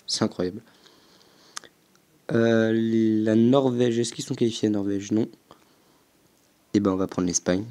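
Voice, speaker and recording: A young gaming YouTuber with a lowish, warm voice plays a football game, offering casual, hesitant commentary. He thinks aloud, pausing often and using lots of fillers.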